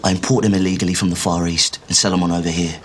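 Actor as a deep, quick-talking evasive suspect. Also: male voice, little pitch movement, lightly acted. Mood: defensive. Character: evasive, defensive male arms-dealing suspect under police questioning. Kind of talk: television police drama acting.

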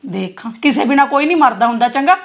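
A woman's voice: high-pitched, lively intonation, quick pace, lo-fi sound. A woman playing a coaxing, worried sister-in-law. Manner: coaxing, pleading. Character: caring young sister-in-law, anxious peacemaker. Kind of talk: rural Punjabi web drama acting.

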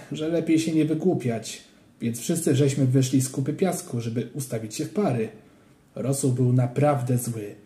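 A man reading a children's story aloud in an expressive narrating style. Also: medium pitch. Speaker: audiobook reader. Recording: roomy echo.

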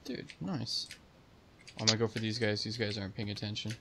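A man chatting casually while playing a video game, joking and swearing, with sudden loud outbursts. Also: on the low side, little pitch movement, brisk, background noise. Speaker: gaming YouTuber. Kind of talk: casual gameplay chat.

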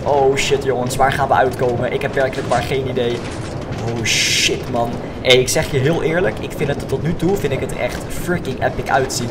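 A young man doing excited Minecraft gameplay commentary, addressing viewers and dropping English slang into his speech. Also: mid-range voice. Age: young adult. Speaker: gaming YouTuber.

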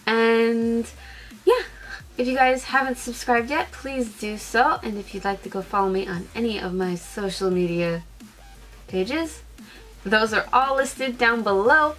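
A woman's voice: a little high, a little slow, a bit bright. A young woman chatting as a beauty vlogger, bubbly and gushing, her talk full of "like" and "freaking". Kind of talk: casual chat.

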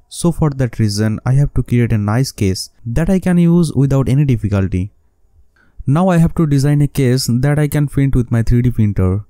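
A man's voice: medium pitch, dark tone, dry recording, clean studio sound. A man with a Bengali accent, a native Bengali speaker, narrating a scripted DIY how-to in non-fluent English. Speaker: host of a DIY electronics channel.

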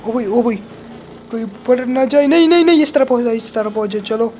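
A man hosting a gaming channel gives thrilled let's-play commentary at a moderate pace in an extremely high-pitched voice, with a little hiss or hum in the recording. He yelps, repeats words repeatedly, and keeps calling the viewer brother.

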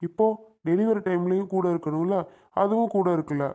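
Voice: medium pitch, moderate pace, warm tone, lo-fi sound, natural voice. Someone playing an angry, scolding father. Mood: blaming. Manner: scolding, blaming, raised voice. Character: angry middle-aged father, protective of daughter. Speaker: father in a family skit. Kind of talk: Tamil family drama skit.

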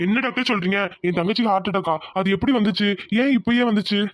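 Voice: medium pitch, fast, no room sound, clean studio sound, lightly acted. A performer voicing a worried, kindly village uncle who comforts his niece in a cartoon. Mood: anxious. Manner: anxious but reassuring. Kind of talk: cartoon voice acting.

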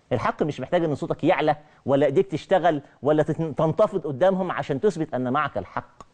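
On television, a middle-aged Egyptian Arabic speaker with a voice on the high side gives a religious lecture. He speaks animatedly, coming back to his key phrases again and again.

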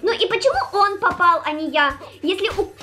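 A woman's voice: very high-pitched, lively intonation, brisk, sharp tone. A young woman giving playful, chatty, exclamatory commentary as a gaming host, in a casual Let's Play style. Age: young adult. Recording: music behind the voice. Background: game music.

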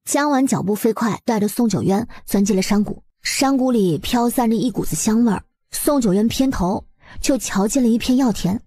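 A woman's voice: on the high side, normal speed, warm tone, husky. A woman narrating a webnovel story expressively, in a colloquial, dramatizing storyteller's manner.

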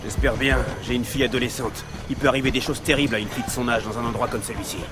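A man's voice: medium pitch, steady tone, very fast, natural voice. A man voicing a nervous camp guide. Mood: anxious. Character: nervous male camp resident, a father. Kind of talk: video game voice acting, dubbed. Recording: game audio with music behind.

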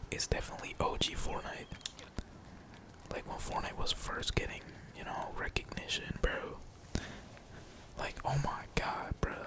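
A young streamer whispers his way through casual gameplay commentary, his voice breathy and unvoiced. He rambles on, full of slang and profanity.

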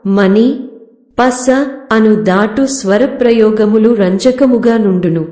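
A woman reading a scripted music lesson in a slow, measured recital of terms and lists. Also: on the high side, mellow, echoey room. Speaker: music teacher. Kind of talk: scripted lecture on a raga.

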